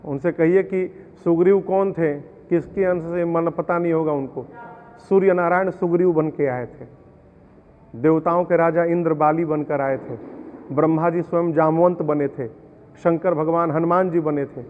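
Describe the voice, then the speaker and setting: Male devotional storyteller with a high voice, explains verses through parables, heard as tinny audio from a reverberant hall. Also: steady tone, moderate pace. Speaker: Ramayana storyteller. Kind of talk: devotional discourse with sung verses.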